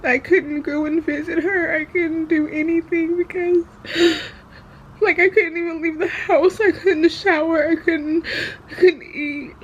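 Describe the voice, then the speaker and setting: A woman speaks in a raw, confessional vlog style, tearful and halting. Her voice breaks as if she is crying, and there is some background noise in the room. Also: extremely high pitch, fairly even intonation, highs cut off. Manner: hesitant, halting, emotional. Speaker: vlogger.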